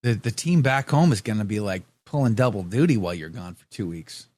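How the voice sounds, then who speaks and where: A man's voice: fairly low pitch, animated, a little fast, darkish tone, no room sound. A man hosting a radio show, chatting casually, reading out listener comments and joking at his own expense, with lots of restarts. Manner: rambling, self-deprecating, frequent restarts and fillers.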